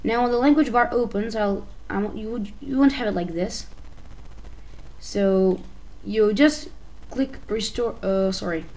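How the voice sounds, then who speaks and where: A woman with an Albanian accent talks through a computer tutorial as a casual voice-over. She hesitates and often restarts and corrects her sentences. Her pitch sits in the middle range. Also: measured pace, a little mellow, poor audio. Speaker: tutorial maker.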